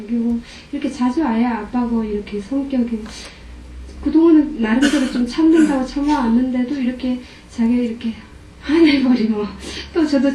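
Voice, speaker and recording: A woman's voice: a little high, mellow. Hesitant middle-aged woman asking a question. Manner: hesitant, trailing off, self-reflective. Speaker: questioner from the audience. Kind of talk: confessional question in a dharma talk. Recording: roomy hall, distant from the mic.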